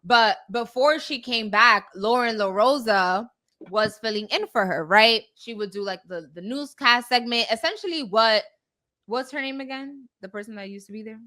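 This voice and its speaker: In a slightly high, bright, forceful voice at normal speed, a woman hosting a talk show recaps celebrity news casually. Her conversational style keeps seeking agreement, often with "right?"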